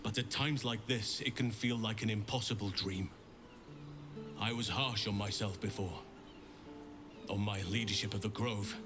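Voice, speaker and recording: A man voicing an earnest, troubled druid leader in a video game, measured, grave and formal. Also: on the low side, fairly even intonation, music in the background, natural voice. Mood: troubled, weary.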